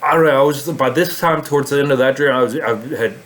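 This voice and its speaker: Man, casual vlog storyteller, mid-pitched, rambles with loose fillers and restarts. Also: fast, a bit bright. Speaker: vlogger.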